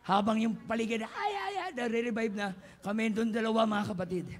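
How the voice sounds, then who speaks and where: A Filipino man preaching a fervent sermon in a church, often rising to shouted exhortation. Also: high voice, a little fast. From Philippines.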